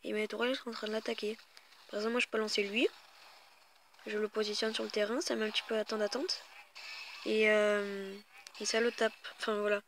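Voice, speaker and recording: A woman's voice: mid-range voice, little pitch movement, a little fast, long pauses, slight background noise. A woman casually commenting on a mobile game as she plays it, talking straight to her viewers in a chatty way with many fillers and restarts. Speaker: gaming YouTuber.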